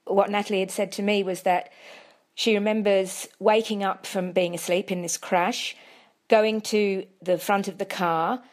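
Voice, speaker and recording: A woman, a friend being interviewed, telling stories in a relaxed, conversational way. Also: medium pitch, unhurried. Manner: conversational storytelling with fillers. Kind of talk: casual recollection.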